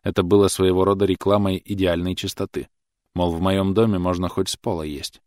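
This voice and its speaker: Deep-voiced man reading a novel. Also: steady tone, fairly quick, darkish tone, no echo, studio quality. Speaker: audiobook narrator. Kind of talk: scripted narration.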